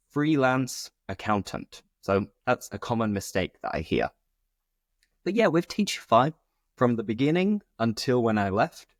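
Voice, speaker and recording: A British man hosting a conversational solo podcast, explaining things informally in clear phrases like a teacher. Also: on the low side, no room sound, studio quality. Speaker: podcast host and English teacher.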